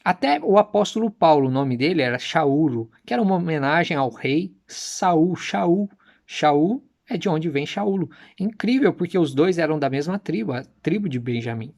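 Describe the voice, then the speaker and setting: A young man preaching and teaching with emphatic, persuasive delivery, slowing down to repeat Hebrew words carefully. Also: on the high side, sing-song, vocal fry, a little mellow. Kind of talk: teaching sermon to camera.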